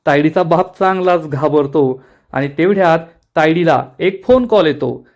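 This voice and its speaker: A man narrating a recap of a television serial episode, retelling the scenes in a steady storytelling manner. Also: on the high side, moderate pace. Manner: steady retelling storyteller, reads every character's lines himself. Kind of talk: scripted narration.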